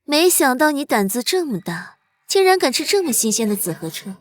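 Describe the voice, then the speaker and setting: An actress playing a scheming, haughty imperial noble consort in a period costume drama, cold and commanding. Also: female voice, high voice, sing-song, fairly quick. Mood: menacing.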